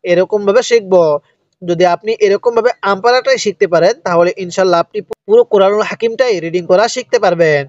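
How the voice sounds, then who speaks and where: High-voiced male teacher spelling out syllables. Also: no echo. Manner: spells out letters and syllables, then has the listener repeat after him; stretches recited words very slowly. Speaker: Quran reading teacher. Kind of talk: slow step-by-step recitation lesson. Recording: dry, dull lo-fi sound.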